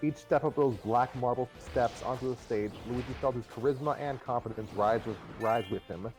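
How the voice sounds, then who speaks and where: A man with a medium-pitched, slightly mellow voice reads a comic story aloud at a moderate pace on a live stream while music plays, now and then stumbling and repeating phrases as he re-reads.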